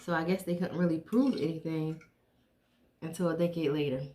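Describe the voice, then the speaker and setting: A middle-aged woman chatting casually to viewers while she eats, chewing as she talks and pausing between bites. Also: deep voice, steady tone, warm tone. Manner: chewing while talking, with pauses to eat. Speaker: mukbang vlogger.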